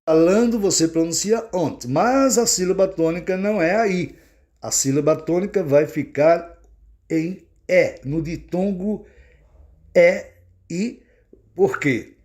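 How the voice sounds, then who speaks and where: A man from Brazil gives an English pronunciation lesson. His voice sits somewhat high. He keeps checking in with his listeners and slows right down to sound out the English example words. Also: darkish tone. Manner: didactic, repeats checks like "né?" and "ok?". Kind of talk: explanatory lesson.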